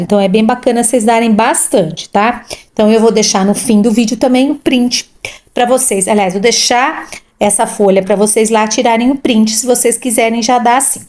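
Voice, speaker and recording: With a fairly high pitch and darkish tone, a woman teaches children to read by sounding out syllables and repeating each word twice. She is an instructive literacy tutor who keeps checking in with "tá?" and using "ó".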